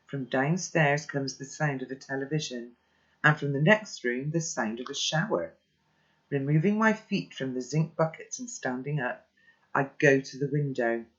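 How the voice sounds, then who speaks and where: Casting: calm first-person storybook narrator, mid-pitched, lo-fi sound. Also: moderate pace. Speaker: reader. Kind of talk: reading a children's novel aloud.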